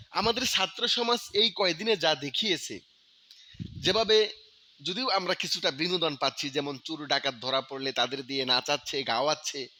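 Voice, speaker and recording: A man's voice: high-pitched, sharp tone. A man commenting earnestly on a video he has shown, in a rising, emphatic preaching tone. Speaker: religious commentator.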